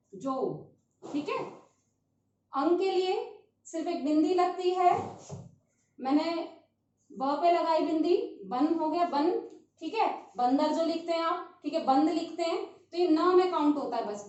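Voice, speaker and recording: A woman teacher giving a primary school lesson on vowel signs, patiently repeating each sound slowly and checking in often. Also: high voice, darkish tone. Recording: distant, very echoey, dull lo-fi sound.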